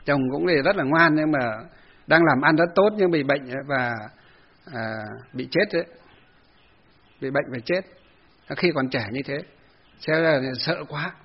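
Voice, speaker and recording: Husky-voiced monk. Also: male voice, on the high side, muffled recording. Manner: storytelling, conversational, acts out quotes. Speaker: Buddhist monk. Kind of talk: dharma talk to lay Buddhists.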